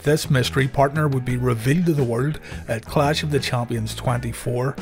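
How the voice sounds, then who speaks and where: A man giving scripted documentary narration in a steady storytelling delivery. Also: medium pitch, moderate pace, soft background music.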